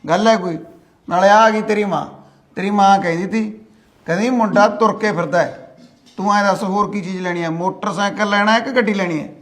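A man playing a gruff middle-aged father who lectures his son about money. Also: high voice, brisk, lightly acted. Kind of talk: short film acting.

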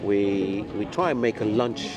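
A middle-aged cigar retailer hosts a chatty lunch conversation on camera at an outdoor restaurant table beside a stone wall, repeating phrases for emphasis. His voice is on the low side and animated, his pace unhurried, with a noisy crowd and music behind him.

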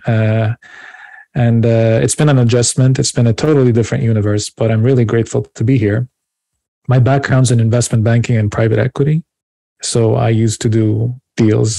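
A man in his thirties from Lebanon, a finance advisor and podcast guest, speaking calmly over a video call from a room at home. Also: mid-range voice, no echo. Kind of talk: remote podcast interview.

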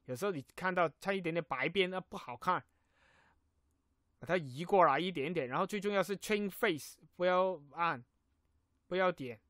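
A man with a Cantonese accent in his Mandarin, narrating a casual software tutorial and dropping in English terms. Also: high-pitched, normal speed, no echo, studio quality. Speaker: tutorial host. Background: music behind the voice.

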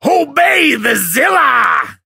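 An actor voicing a small rampaging Godzilla-like monster for a video game, bombastic and destructive, shouting short catchphrases in a gravelly screech. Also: high voice, big pitch swings, slow, heavy background noise, full character voice. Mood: boastful, destructive.

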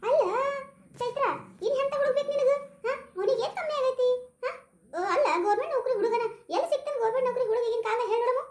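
A woman's voice: extremely high pitch, fast talker, darkish tone, voice pushed up. A woman voicing a fussy village mother who scolds her daughter about a marriage match, in a North Karnataka Kannada accent. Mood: scolding. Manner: scolding, exasperated. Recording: roomy echo.

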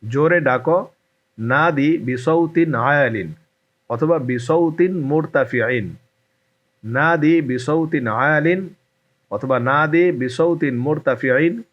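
Male language tutor, very slow and deliberate, repeats every phrase, dull lo-fi recording. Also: fairly high pitch. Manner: says each phrase twice, then gives its meaning. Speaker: Arabic language teacher. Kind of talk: slow, repetitive language lesson.

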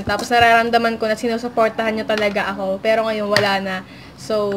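A woman's voice: on the high side, fairly bright tone, slight background noise. A young woman from the Philippines talking casually to her viewers, rambling and full of fillers, wistful and apologetic. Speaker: vlogger and online story writer. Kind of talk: casual talk to camera.

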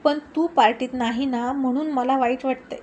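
A woman's voice: high-pitched, fairly even intonation, normal speed, darkish tone, dull audio. A woman doing a loyal, coaxing best friend. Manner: coaxing, concerned.

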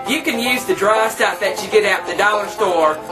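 A cooking show host, a man lightly acting as a thrifty, campy trailer park queen, cheerfully walks through a folksy, tongue-in-cheek home cooking demonstration. His voice sits high and moves at normal speed. Recorded in a small home kitchen on a distant camera microphone, the clip has music behind it.

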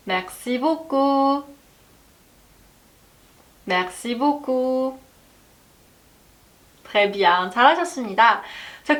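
Woman, language teacher, slow deliberate pace, slightly high voice, careful pronunciation drills. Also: fairly bright tone. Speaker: French teacher. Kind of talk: language lesson.

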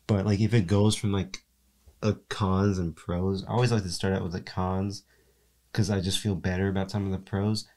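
Congested young man chatting about films. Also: fairly low pitch. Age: young adult. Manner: rambling, self-correcting, relaxed. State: congested from allergies. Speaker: podcast co-host. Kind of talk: casual film review chat.

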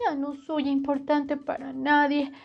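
A woman voicing a sad little boy who feels left out, with a high, plaintive childlike voice. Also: completely flat delivery, unhurried, vocal fry, muffled recording, soft background music. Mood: hurt.

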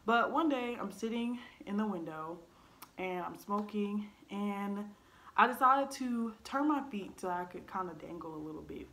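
With lively intonation and a slightly bright, medium-pitched voice at normal speed, a young vlogger in her twenties recounts a personal story from her living room. She's blunt and sincere, often saying um and like, and a camera at desk height in front of her captures it.

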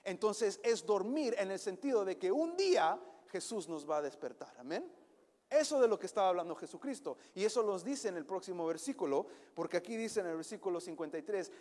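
A male pastor giving an animated sermon, sometimes slipping English words into his preaching. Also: high-pitched. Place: church hall. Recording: long church hall reverb.

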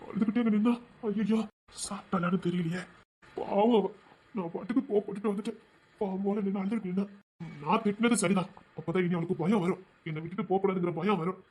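A man's voice: high-pitched, a little mellow, husky. A man playing a hurt young lover who curtly sends the woman away and later worries about her. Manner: brusque, dismissive.

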